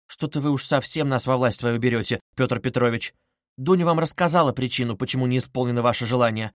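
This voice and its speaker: A man's voice: mid-range voice, quick pace, dry recording, studio quality, close to an everyday voice. A man reading aloud voices an agitated, indignant older mother who keeps exclaiming. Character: indignant older mother, quick to take offence.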